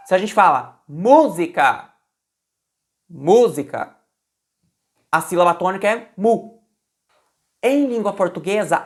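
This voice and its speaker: A woman explaining a language lesson in a conversational way, repeating example words slowly and with loud emphasis, with frequent restarts. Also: fairly low pitch. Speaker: Portuguese language teacher.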